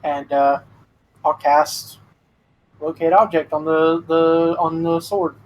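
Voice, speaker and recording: Man, tabletop player, hesitant, slightly high voice. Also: little pitch movement, slow, slight background noise, low-quality recording. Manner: hesitant, restarting phrases. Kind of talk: casual tabletop play.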